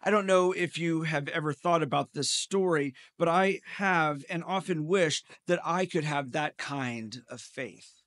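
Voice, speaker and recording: Slow, measured pastor preaching from the pulpit. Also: male voice, on the high side, fairly bright tone, no room sound. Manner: storytelling with dry humor. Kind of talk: sermon. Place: church sanctuary at a pulpit. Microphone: pulpit gooseneck mic.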